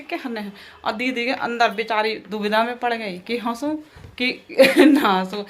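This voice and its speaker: A woman's voice: on the high side, slight background noise. Chatty woman vlogger. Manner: chatty, laughs often while telling a story. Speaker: vlogger, mother. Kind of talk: casual vlog chat and childhood storytelling.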